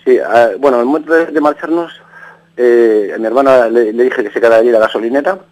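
A middle-aged man from Galicia, Spain, speaks fast in a mid-range, slightly mellow voice, recounting things casually as an interviewee on a radio broadcast. He rambles, restarts his sentences and tags them with questions, and the recording is rough.

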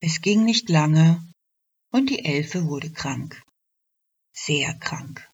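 A woman narrates a radio fairy tale in a calm, measured way. Her voice is low and unhurried. The recording sounds dull and lo-fi. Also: breathy edge. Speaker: storyteller.

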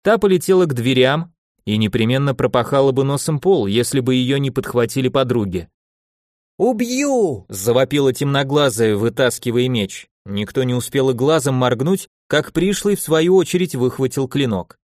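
A man narrating an audiobook in an expressive reading style. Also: mid-range voice, normal speed, dry recording, studio quality. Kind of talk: scripted narration.

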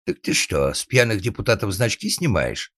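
A man voicing a furious old father in an audiobook, shouting and lamenting in drawn-out cries. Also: on the low side, very animated, dry recording, studio quality, voice pushed up. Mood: raging. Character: furious old male father, bellowing, tyrannical. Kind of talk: audiobook narration.

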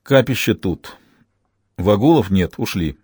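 A man voicing a calm, terse male interpreter in an audiobook, speaking low and briefly. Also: unhurried, breathy edge, no echo, clean studio sound. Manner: low and laconic.

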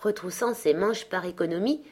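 A woman's voice: fairly low pitch, normal speed, dark tone. Woman reading a classic tale aloud. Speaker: audiobook reader. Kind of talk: storybook narration.

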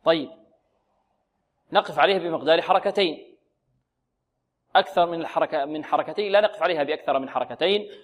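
A male Quran recitation teacher giving a tajweed lesson on the radio, slowing and stretching example words and asking his students questions he then answers himself. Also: fairly high pitch.

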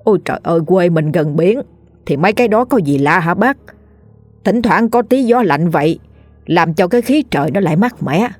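A woman's voice: lowish voice, normal speed, dry recording, close to an everyday voice. A stubborn old villager, as a woman reads him, mocks his friend's fears in a dry, close voice. He talks with easy, teasing confidence. Faint music plays behind the story. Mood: scoffing. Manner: brushes off fears, mocking.

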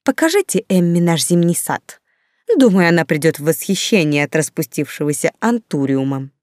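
A woman voicing a scheming dowager countess who speaks in a sarcastic, measured way in an audiobook. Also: deep voice, lively intonation, darkish tone, no room sound, clean studio sound. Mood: commanding.

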